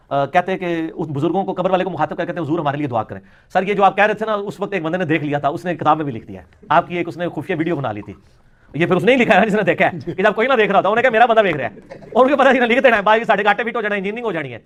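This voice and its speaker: Sarcastic high-voiced man, Punjabi-tinged Urdu. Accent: Punjabi-inflected Urdu. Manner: sarcastic, mimics opponents in quoted asides. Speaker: religious lecturer. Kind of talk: lecture.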